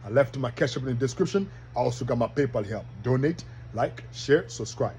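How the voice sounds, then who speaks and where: A man's voice: medium pitch, expressive, brisk, darkish tone, slight background noise, poor audio. A man preaching informally to his listeners in a folksy way, often checking that they follow along. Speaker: online preacher.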